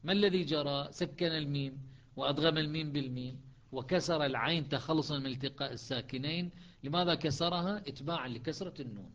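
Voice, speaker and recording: A man teaching a lesson on Quranic readings, explaining step by step and slowing into chanted recitation. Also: on the high side, fairly bright tone, dull audio.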